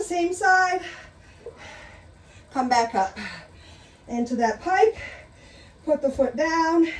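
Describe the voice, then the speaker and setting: A middle-aged woman teaching an exercise class, chatty and encouraging, out of breath as she talks through the moves. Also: high-pitched. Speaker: exercise instructor. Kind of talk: live exercise class instruction. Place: room with a chair, exercising. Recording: echoey room, mic at a distance.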